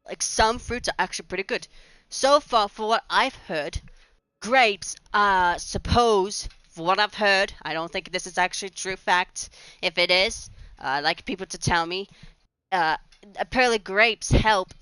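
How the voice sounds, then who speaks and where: A woman's voice: medium pitch, unhurried, sharp tone, clean tone, dry recording, poor audio. A woman, rambling chattily over gameplay with restarts and giggles. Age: 20s. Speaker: gaming channel host. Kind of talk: casual gameplay commentary.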